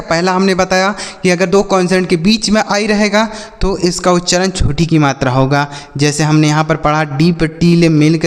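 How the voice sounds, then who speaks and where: A man teaching English reading in a classroom style, asking his students questions and drilling each word slowly. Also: high voice, in a large hall. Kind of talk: classroom-style phonics lesson.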